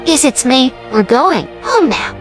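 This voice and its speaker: A woman's voice: high voice, expressive, measured pace, over music. A woman narrating a fan story in first person, reading in an emotional way. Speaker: narrator as Marina.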